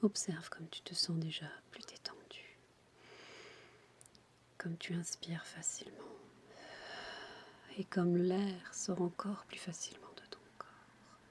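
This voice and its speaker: A woman guiding a relaxation in a breathy, intimate ASMR whisper, soothing and addressing the listener directly. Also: lowish voice, flat delivery, slow, pauses often, a little mellow. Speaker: relaxation guide for childbirth.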